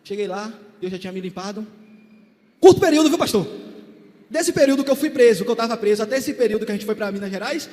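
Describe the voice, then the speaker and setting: A man giving a testimony sermon in a church, moving between quiet storytelling and shouted calls to the congregation. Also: sits high, expressive, quick pace. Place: large church hall. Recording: long church hall reverb.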